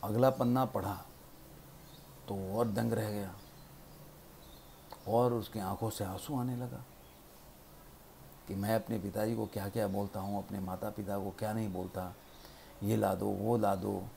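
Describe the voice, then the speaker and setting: A man telling a moral story in a plain, conversational way, with pauses, as host of his own channel. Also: on the low side, vocal fry, warm tone, a little hiss or hum.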